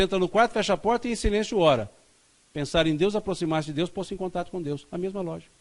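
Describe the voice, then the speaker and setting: A man from Minas Gerais giving a spiritist lecture, emphatic and fond of repeating key phrases. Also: high-pitched. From Minas Gerais, Brazil. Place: spiritist center lecture hall.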